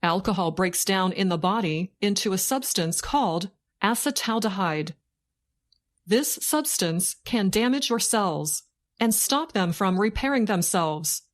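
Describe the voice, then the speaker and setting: A woman narrates a scripted news report for learners slowly and deliberately, in short phrases with pauses, like a dictation. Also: medium pitch, expressive. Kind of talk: slow scripted learning-English news reading.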